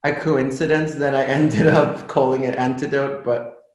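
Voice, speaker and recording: A man's voice: mid-range voice, steady tone, moderate pace, a little mellow. A man of twenty-five, a musician, chatting candidly and jokily as an interview guest. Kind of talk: casual interview chat. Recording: roomy echo.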